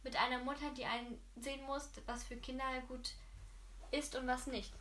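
A woman's voice: sits high, flat delivery, normal speed, a bit bright, a little hiss or hum. A woman voicing a stern, outspoken housekeeper who stands her ground firmly. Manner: firm, outspoken. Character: stern, unflinching older housekeeper.

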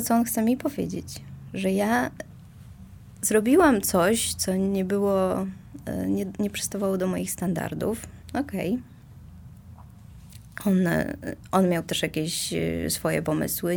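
A woman's voice: on the low side, creaky, darkish tone, a little hiss or hum. A woman in casual conversation, talking reflectively and self-mockingly, with many hesitations and small laughs.

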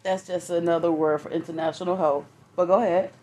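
A woman's voice: lowish voice, steady tone, fast talker, dark tone, slight background noise. A woman with a New York accent co-hosting a podcast, frank and profane, often cutting in with apologies. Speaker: podcast co-host. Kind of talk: casual chat.

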